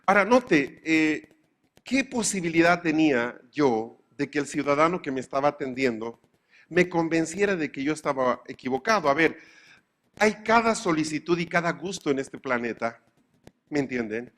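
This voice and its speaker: A man giving a lecture to a live audience, animated and full of anecdotes, often asking his listeners if they follow him. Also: fairly high pitch, normal speed. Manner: animated, often checks in with the audience through questions; acts out both sides of everyday dialogues.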